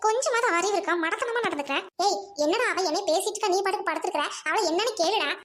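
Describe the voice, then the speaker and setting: A woman with a Trichy Tamil accent acting a shrill, nagging village mother-in-law in a comedy skit. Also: fast talker, a bit bright. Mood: scolding.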